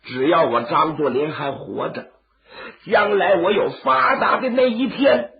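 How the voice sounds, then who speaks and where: Storyteller as a gravelly, tearful, grateful young man. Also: a little high, measured pace, narrow, tinny audio. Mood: tearful gratitude. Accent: Northeastern Chinese. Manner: dramatic, earnest, sobbing emphasis.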